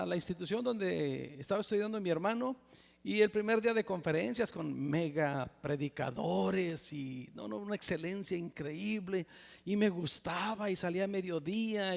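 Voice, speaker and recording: A Mexican man in his sixties preaching a personal testimony sermon in a church, with a Mexican Spanish accent, swinging from loud exclamations to near whispers. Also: high voice, moderate pace, gravelly. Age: 60s. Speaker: pastor. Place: church sanctuary. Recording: reverberant church hall.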